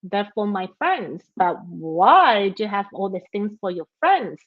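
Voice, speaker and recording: A woman's voice: medium pitch, big pitch swings, a little slow, highs cut off. A woman from Malaysia, a guest author telling a personal story in a conversational interview, with many fillers.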